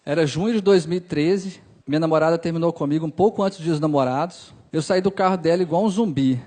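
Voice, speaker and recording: A young man with a Brazilian Portuguese accent tells a personal story to listeners. His voice sits high, and he acts out the lines of dialogue with open emotion, dropping softer for the sad parts. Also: quick pace.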